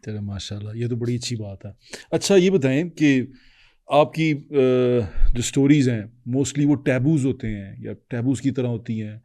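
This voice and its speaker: A man's voice: medium pitch, dark tone. A man hosting an interview, asking short prompting questions and reacting briefly. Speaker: interview host.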